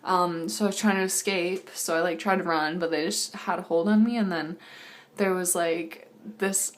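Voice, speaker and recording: A woman's voice: fairly low pitch, fairly even intonation, normal speed. Young woman hazily recounting a dream. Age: early 20s. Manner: acts out quoted exchanges in casual slangy speech. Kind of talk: casual rambling recounting of a dream.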